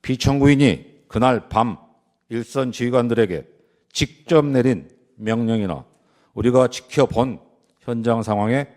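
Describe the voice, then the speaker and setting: Male, medium pitch. Lawyer reading a formal closing statement, grave, measured and emphatic. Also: a little mellow. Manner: solemn, deliberate, emphatic phrasing in short segments. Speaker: lawyer delivering a closing argument. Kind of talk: formal prepared courtroom speech.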